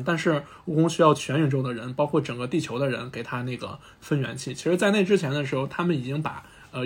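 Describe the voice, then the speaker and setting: A man hosting a podcast, casually retelling a cartoon story with animated asides. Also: mid-range voice, husky. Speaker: podcast host.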